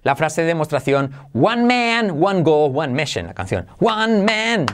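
Animated man teaching English. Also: fairly high pitch, unhurried, slight background noise. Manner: animated, switching between Spanish and English, sings snatches of songs. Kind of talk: lively English lesson.

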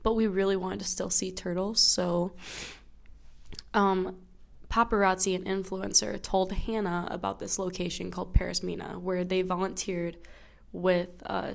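A woman's voice: mid-range voice, gravelly. A young woman hosting a casual solo podcast in a groggy morning voice, telling a travel story in a chatty, self-deprecating way on a clip-on mic in a small study room. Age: young adult. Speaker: podcast host. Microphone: small clip-on lapel mic.

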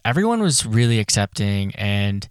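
A man talks candidly as a solo podcast host, informal and chatty. His voice is fairly low and smooth, and the sound is very dry, as in a small closet hung with clothes. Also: very animated, moderate pace, dry recording.

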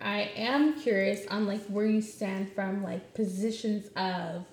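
A woman co-hosting a casual chat, animated and profane, laughing often as she talks. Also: mid-range voice, slow. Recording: echoey room.

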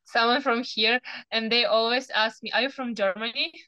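A young woman with a Ukrainian accent, a guest chatting casually over a video call, halting and searching for her words. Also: fairly high pitch, steady tone, pushed and bright, smooth, no echo, poor audio. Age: young adult. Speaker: guest athlete. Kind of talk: casual interview chat.

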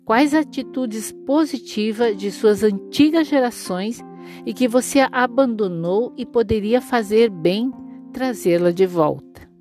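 A woman leading a guided relaxation meditation in a soothing, unhurried, instructing way. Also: a little high, a little mellow. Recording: music playing behind the voice. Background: instrumental music.

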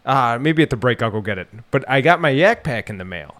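Nasal from a cold, the thirty-something host of an outdoors podcast chats casually and spins long, wandering stories, often starting over. His medium-pitched voice is a bit bright, a little fast, and lively in intonation.

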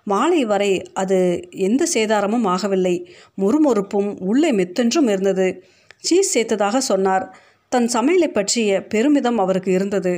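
A woman's voice: medium pitch, measured pace. Woman reading a short story. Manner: steady, reflective reading. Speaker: story reader. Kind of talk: scripted narration.

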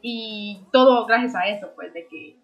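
A woman's voice: mid-range voice, measured pace, lo-fi sound, faint music behind. A woman in her twenties from Honduras, a young entrepreneur answering interview questions with frequent fillers and restarts. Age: 20s. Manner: hesitant, many fillers and restarts.

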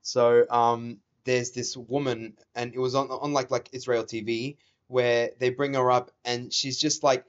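A young man co-hosting a casual podcast outdoors, rambling and trailing off into quiet asides. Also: mid-range voice, flat delivery, unhurried, few pauses. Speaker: podcast co-host. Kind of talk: casual chat over a game. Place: outdoors in a neighborhood. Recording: slightly dull audio.

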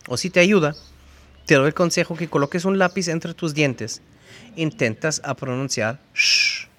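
A man's voice: a little high, fairly bright tone. Man carefully teaching pronunciation. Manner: slow, careful demonstration of sounds and spelling. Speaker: language teacher. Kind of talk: explaining pronunciation to learners.

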